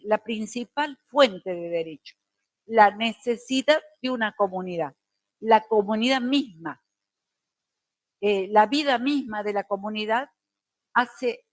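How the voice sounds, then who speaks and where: A middle-aged woman teacher, lecturing a class slowly and deliberately with careful diction. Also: a little high, no echo.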